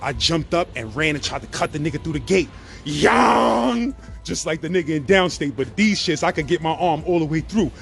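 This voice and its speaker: High-voiced New York man telling stories. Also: fast, hardly any pauses, faint music behind. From Brownsville, Brooklyn, New York. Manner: profane, animated, keeps asking "you feel me". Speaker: guest telling prison stories. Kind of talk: casual storytelling.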